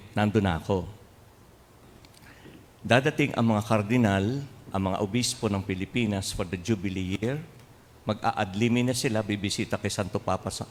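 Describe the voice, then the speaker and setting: A Filipino man in his sixties, a priest giving a humorous homily and telling stories with playful mimicry. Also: fairly low pitch. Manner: humorous, animated storyteller who mixes in mimicry and chuckles. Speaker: priest and seminary formator. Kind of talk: homily with personal storytelling. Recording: long hall reverb, faint ambience.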